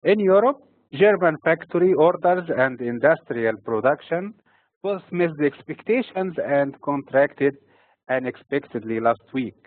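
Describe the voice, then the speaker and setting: A man from Egypt giving scripted financial market commentary in a steady, formal delivery. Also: on the high side, measured pace, dry recording. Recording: tinny phone-like recording.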